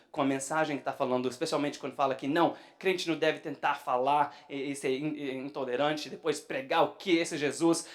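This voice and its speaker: A young man preaches in a church. His voice sits a bit high for a man. He gets carried away and his voice climbs loud whenever he gets animated. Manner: excitable preaching, voice rising loud when animated. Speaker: pastor. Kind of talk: sermon.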